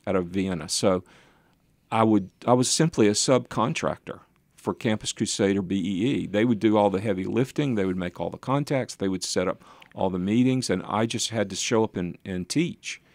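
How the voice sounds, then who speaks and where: Gravelly, a little mellow, and lowish in pitch, the older pastor speaks at a moderate pace in a dry recording. As an author and guest in a conversational interview, he rambles through stories, poking fun at himself and chuckling along the way.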